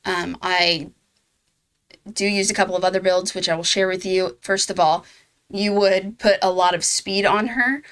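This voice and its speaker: A woman's voice: mid-range voice, steady tone, moderate pace, a bit bright, clear, resonant tone. A woman hosting her own game guide video, talking casually and laughing at herself now and then. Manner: chatty, laughs at herself, fillers. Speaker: gaming channel host.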